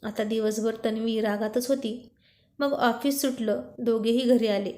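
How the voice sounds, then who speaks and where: A woman storyteller narrating a serialized romance story in a steady, plain way. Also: on the high side, measured pace. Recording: roomy echo.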